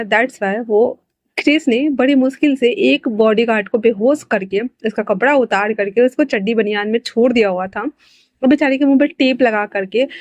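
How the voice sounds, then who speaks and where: A woman's voice: a little high, a little mellow, no room sound. A woman narrating a fan-fiction story in a chatty, colloquial way, dropping in English words.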